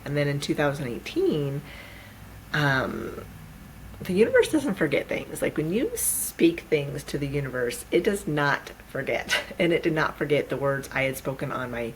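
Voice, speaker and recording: A woman in her thirties with a low-pitched voice hosts her own unscripted podcast. She talks in a candid, reflective way and often restarts her sentences with fillers. A faint hum of background noise sits under her voice. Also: very animated, moderate pace, rough recording. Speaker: podcast host. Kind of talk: unscripted solo podcast talk.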